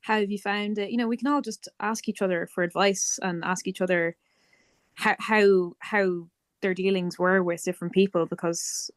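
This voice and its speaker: A woman's voice: on the low side, steady tone, moderate pace, no room sound. A woman with an Irish accent chatting fluently in a casual interview as a band member.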